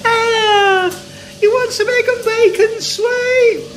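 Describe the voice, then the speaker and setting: A man putting on a very high cooing baby-talk voice to speak to his small dog. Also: fairly even intonation, slow pace, fairly bright tone, reverberant, faint music behind, full character voice, poor audio.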